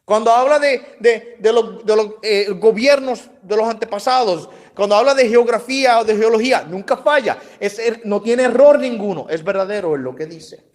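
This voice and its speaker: Man, high voice, church Bible teacher, conversational, restarts phrases, checks in with listeners. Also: normal speed, few pauses, darkish tone. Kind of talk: church doctrine class.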